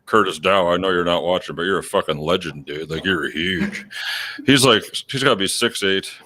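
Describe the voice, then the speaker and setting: A man's voice: low-pitched, normal speed, pushed and bright. A man hosting an online radio show, telling a casual story and swearing freely. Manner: swears a lot, laid-back storytelling. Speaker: podcast host. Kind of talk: casual chat.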